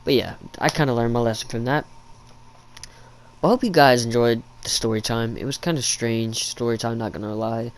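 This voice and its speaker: A man's voice: mid-range voice, steady tone, normal speed. A young adult man rambling through a casual, slangy storytime as a YouTube storyteller, recorded in a living room at home.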